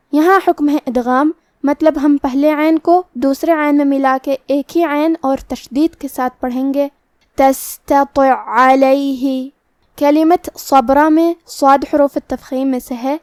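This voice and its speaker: A woman teaching Quran recitation rules step by step, methodical and repetitive in her phrasing, with slow chanted recitation between explanations. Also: high-pitched, a little mellow, no room sound, studio quality. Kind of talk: step-by-step tajweed lesson.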